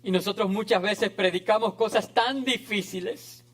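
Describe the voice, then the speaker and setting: A man's voice: high voice, moderate pace, fairly bright tone. A man preaching an impassioned, emphatic sermon as a pastor in a church.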